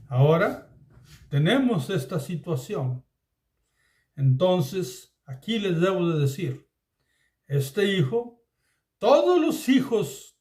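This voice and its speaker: Man, Bible teacher, earnest sermon, high voice, echoey room. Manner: earnest, addresses listeners as beloved.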